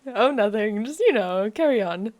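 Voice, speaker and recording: A woman's voice: on the high side, animated, moderate pace, a little mellow. Giggly woman streaming a game. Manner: giggly, laughs often; chatty, talks to viewers. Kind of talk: casual live gameplay commentary.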